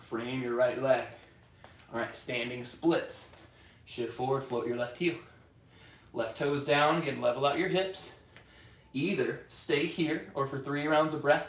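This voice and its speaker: A man guides a yoga class, calling out poses and breaths in calm, steady directions. His mid-pitched voice sits back from the microphone. It rings around an echoing studio. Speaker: yoga teacher. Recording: roomy studio echo from far off.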